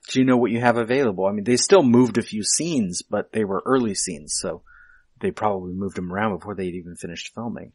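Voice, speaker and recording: Clear-voiced man chatting about film. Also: fairly low pitch, steady tone, fairly quick, a little mellow, dry recording. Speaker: podcast host. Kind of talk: casual film commentary chat.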